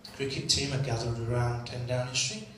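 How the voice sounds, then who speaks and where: A man with a mid-range, slightly bright voice and little pitch movement talks a little fast as he shares comic, cheeky stories from his cricket days at an after-dinner gathering in a function room. Punchlines pepper the anecdotes, recorded on a distant mic in an echoey space with faint ambience and slight background noise.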